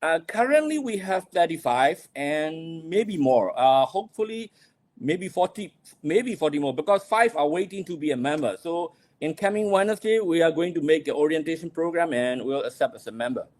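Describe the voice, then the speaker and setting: A man's voice: on the high side, animated, normal speed, few pauses, a little mellow, dry recording. A man with a Burmese accent co-hosts a live-streamed panel, speaking hesitant English and often repeating his words. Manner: hesitant, repetitive non-native English. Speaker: club leader and co-host.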